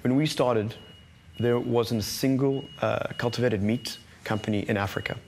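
Gravelly, flat-voiced man in interview. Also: mid-range voice, normal speed, slight background noise. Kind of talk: interview answers.

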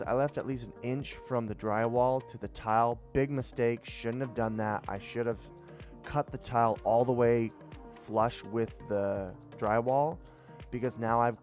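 A young home improvement vlogger with a medium-pitched, slightly mellow voice chats casually while tiling a small basement bathroom indoors. His DIY voice-over mixes practical tips with frank, self-critical admissions of his own mistakes.

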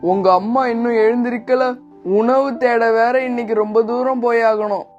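A man voicing a kind, grieving pigeon uncle in a cartoon, gentle and sorrowful. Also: very high-pitched, fairly even intonation, normal speed. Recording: dull lo-fi with faint music.

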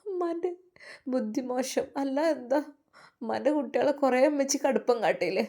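A woman voicing a remorseful young mother who cries softly and pleads with her children, in a Malappuram accent. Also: high-pitched, animated, normal speed. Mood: tearful pleading. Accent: Malappuram Malayalam. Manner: soft, pleading, tearful. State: crying.

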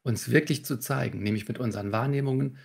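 A man, a communication trainer, calmly explaining techniques in a podcast interview, with examples. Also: medium pitch, fast talker, gravelly, husky. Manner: calm, instructive, walks through techniques with examples.

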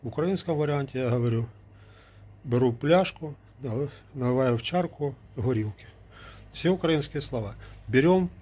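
With an animated, slightly rough, darkish medium-pitched voice at normal speed, a vlogger in his forties from Ukraine chats to his phone camera at arm's length. Sitting in a small indoor room and using an earbud mic, he lectures and argues sarcastically.

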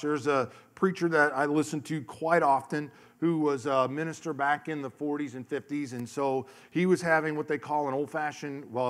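A middle-aged man preaches on a large church stage with a handheld mic. His voice sits a touch high for a man. He tells stories, acts out voices, and swings from hushed lines to loud ones. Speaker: pastor. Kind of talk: sermon.

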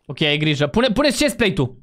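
High-voiced man directing a game crew. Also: very animated. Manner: bossy, gives quick orders, taunts and yells when chased. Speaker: gaming channel host. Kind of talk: live gameplay chat with friends.

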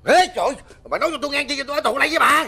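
A panicky husband. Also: male voice, high-pitched, fast, vocal fry, full character voice. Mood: panicked. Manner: excitable, exclamatory. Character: panicky loud husband, boss of drinking buddies.

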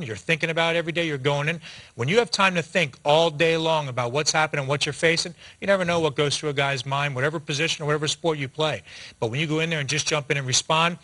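A man in his forties breaks down a hockey game from a TV studio desk. He talks quickly and keeps restarting his sentences as he gestures. His voice is bright and sits a little high for a man. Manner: fast, animated talk with restarts, gesturing with hands. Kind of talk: post-game analysis. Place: TV studio set.

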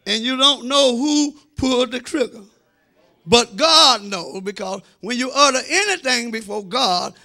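Extremely high, bright, and pushed, the voice is that of a middle-aged American man serving as senior pastor. He delivers an emphatic sermon into a handheld mic in the church sanctuary, stretching his phrases and addressing his congregation directly.

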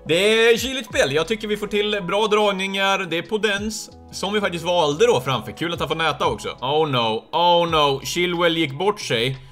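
Excitable young man narrating his own game. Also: high-pitched, few pauses, faint music behind. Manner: excitable, bursts into loud cheers at goals. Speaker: gaming streamer. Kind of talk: live gameplay commentary.

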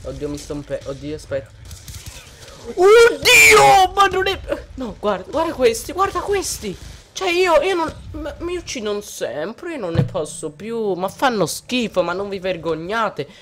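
A gamer giving gameplay commentary, swinging between low muttering and outraged yelling at opponents. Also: very animated, normal speed, background noise.

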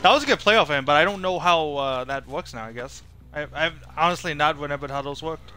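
A man with a sharp, fairly high-pitched voice streams a game at a brisk pace, giving casual live commentary and muttering mildly frustrated asides to himself. Horror game sound effects and ambience come through clearly behind his voice.

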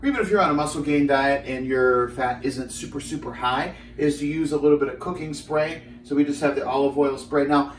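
A man's voice: medium pitch, brisk, few pauses, recorded from a distance, a little hiss or hum. Upbeat man cooking in an echoey kitchen. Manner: upbeat, joking, energetic while cooking. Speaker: fitness cooking host. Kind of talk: casual cooking demonstration. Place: small home kitchen, indoors. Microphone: camera mic, filmed from a few steps away. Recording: echoey kitchen, voice slightly off-mic.

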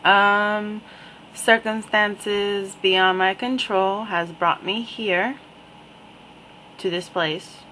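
Wry slow-talking New woman. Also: mid-range voice, a little hiss or hum, rough recording. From New Jersey. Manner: wry, repetitive, deadpan asides. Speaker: vlogger. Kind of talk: casual webcam monologue.

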